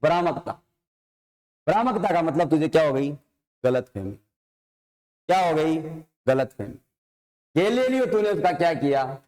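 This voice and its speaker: Man, science teacher, informal coaching-class lecture, quizzes himself as he goes, slightly high voice. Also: lively intonation, a little slow, long pauses, a little mellow. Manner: keeps asking questions and answering them himself; informal, addresses figures with tu.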